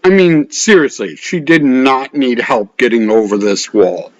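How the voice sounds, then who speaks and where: A man's voice: medium pitch, big pitch swings, unhurried, rough recording. A man narrating a casual comedic movie review in a sarcastic, profane way. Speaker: film reviewer.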